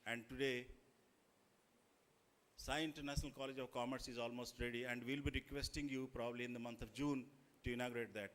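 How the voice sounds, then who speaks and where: A man with an Indian accent gives a formal, deferential public speech in deliberate short phrases. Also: mid-range voice, fairly even intonation, a bit bright. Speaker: school chairman addressing a chief guest.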